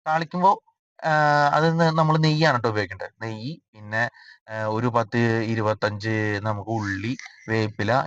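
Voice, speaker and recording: A man from Kerala narrating a cooking vlog in a casual, rambling way, filling pauses with drawn-out "aa" sounds. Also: lowish voice, a bit bright, lo-fi sound. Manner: chatty, rambling, frequent drawn-out 'aa' fillers. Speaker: cooking vlogger.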